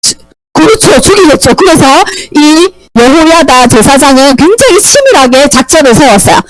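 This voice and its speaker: A woman's voice: sits high, very animated, normal speed, low-quality recording. A woman teaching Sunday school, animatedly telling a Bible story and quizzing the children.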